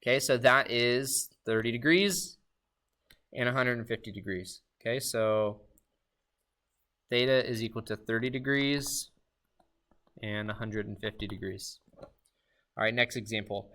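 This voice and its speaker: A man giving a recorded math lesson, upbeat and talking straight to his students with quick questions. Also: medium pitch, pushed and bright. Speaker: math teacher.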